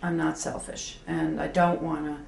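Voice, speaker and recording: Her voice is low-pitched, fairly flat in pitch, gravelly and a touch mellow, delivered at normal speed. She is a woman in her fifties, a graphic designer giving a frank, self-deprecating, reflective interview full of fillers and restarts. The room echoes, and a faint hum sits behind her.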